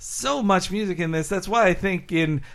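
A man's voice: sits high, moderate pace, vocal fry, a bit bright. A man co-hosting a podcast, chatting casually as he comments on an episode. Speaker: podcast co-host.

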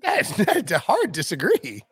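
A man's voice: high-pitched, wildly swooping pitch, a little slow, husky, dry recording, studio quality. A man in his forties hosting a casual sports podcast, joking and teasing his co-host. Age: 40s.

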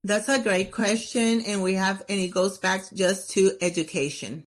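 Female podcast guest, earnest and insistent, average pitch. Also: fairly even intonation, normal speed. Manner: earnest, urgent, repeats key points. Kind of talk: casual interview talk.

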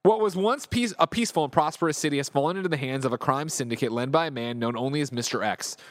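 A man's voice: fairly high pitch, fast talker, no echo, lightly acted. A man putting on a dramatic, ominous horror trailer voice, like a narrator of a gritty crime saga.

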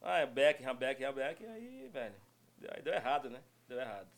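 A middle-aged man telling stories in casual chat, animated and laughing often. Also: medium pitch, moderate pace. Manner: animated storytelling with frequent laughter. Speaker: guest storyteller.

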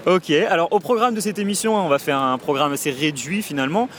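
A man's voice: fairly high pitch, quick pace, noisy background. Chatty man hosting a live podcast. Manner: chatty, friendly, filler-heavy. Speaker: podcast host. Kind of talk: live show hosting and interviewing. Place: video game trade show.

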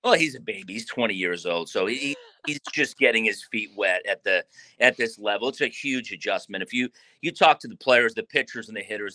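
A man talks through an interview in a loose, rambling manner, circling back and restarting his sentences. His voice is very bright and forward, and the sound is dry and close. He speaks as a baseball manager discussing his players. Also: mid-range voice, no echo. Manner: relaxed, rambling, with frequent restarts and fillers. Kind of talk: interview answers.

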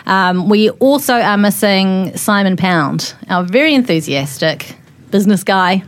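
A woman's voice: mid-range voice, lively intonation, unhurried. A woman with a New Zealand accent casually hosting a studio panel podcast in an informal, jokey way. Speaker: podcast host and manager.

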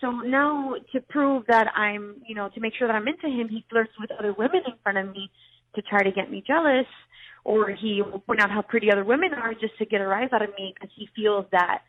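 A woman's voice: mid-range voice, a little fast. A woman caller leaving an earnest, rambling voicemail asking for advice, played back on the air. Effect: voicemail message played over the air. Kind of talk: recorded voice message asking for advice. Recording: tinny phone-line voicemail.

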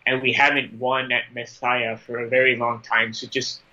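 A man's voice: mid-range voice, little pitch movement, normal speed, sharp tone. A man giving opinionated football analysis on a podcast in a conversational, emphatic way, on a slightly lo-fi line. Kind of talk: casual sports discussion.

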